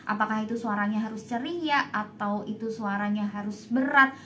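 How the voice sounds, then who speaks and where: A woman's voice: medium pitch, normal speed, fairly bright tone, slight background noise. A young woman co-hosting a casual live chat, steering the topics and humming agreement. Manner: lots of agreeing hums, leads the topics. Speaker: co-host. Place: home, on a phone live stream.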